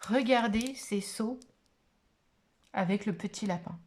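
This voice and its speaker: A woman's voice: medium pitch, takes it slowly, a little mellow. A woman vlogger opening craft mail in a casual chat to camera, gushing and exclamatory, full of little fillers.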